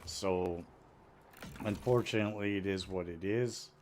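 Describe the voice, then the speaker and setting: A man missing his two front teeth, chatting casually and matter-of-factly in a rambling way as he live-streams a video game. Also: low-pitched. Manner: rambling, unhurried, matter-of-fact. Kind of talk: casual live-stream chat while gaming. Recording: steady background noise.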